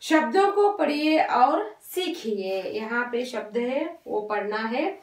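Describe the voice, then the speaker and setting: Woman, primary teacher, high voice, slow drilling delivery, roomy, off-mic sound. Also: animated, distant mic. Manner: patient, repeats and drills words, mixes English into Hindi. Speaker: primary school Hindi teacher. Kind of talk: slow online class lesson. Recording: echoey room, voice off-mic.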